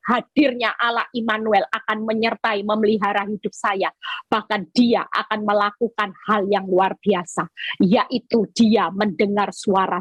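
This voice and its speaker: A woman evangelist giving an emphatic sermon over a video call, breaking into high-pitched acted prayers. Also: fairly bright tone, no echo, poor audio. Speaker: evangelist preacher.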